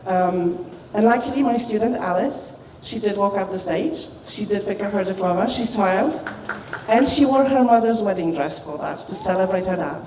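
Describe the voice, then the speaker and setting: A woman's voice: mid-range voice, lively intonation, moderate pace, darkish tone. A woman who learned English as a second language, an educator speaking earnestly and emphatically at a group discussion. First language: not English. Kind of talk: spontaneous storytelling at a group discussion. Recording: echoey room, distant mic, noise.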